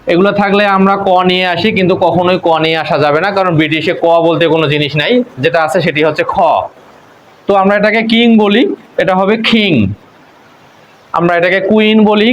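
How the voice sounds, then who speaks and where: Bangladeshi man, pronunciation teacher, slightly high voice, slow spell-and-repeat drilling. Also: slight background noise, rough recording. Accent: Bangladeshi Bengali. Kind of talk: spoken-English lesson.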